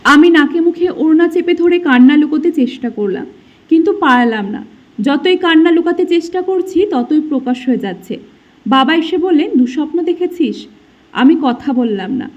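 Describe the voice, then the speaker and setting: High-voiced woman narrating a sad story. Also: lively intonation, normal speed, dull audio. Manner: soft, emotional first-person telling with voiced quotes. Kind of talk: scripted emotional story narration.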